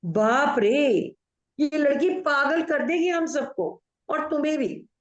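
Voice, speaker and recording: A woman's voice: high voice, takes it slowly. A woman acting a chatty, bossy middle-aged aunt in a play over a video call, mixing in English while she tells family stories. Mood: scolding. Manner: mixes Hindi with English, gossipy storytelling. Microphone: video call audio. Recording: echoey room, dull muffled audio.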